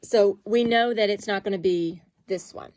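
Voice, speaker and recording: A woman's voice: medium pitch, moderate pace, a little mellow, no echo. A woman teaching a phonics lesson to young children, patiently sounding out letters and syllables.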